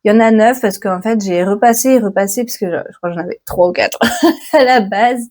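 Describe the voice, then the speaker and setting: A woman's voice: mid-range voice, fairly quick, a little mellow. A woman hosting a book channel, chatting casually and self-mockingly about upcoming releases while thinking aloud. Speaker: book vlogger. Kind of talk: casual chat about new books.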